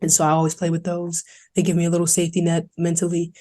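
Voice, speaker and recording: Young woman with a flat, mellow voice. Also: fairly low pitch. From New York City. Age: young adult. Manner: earnest, fast-flowing, quoting others in lively voices. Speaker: college basketball player, podcast guest. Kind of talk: candid interview storytelling.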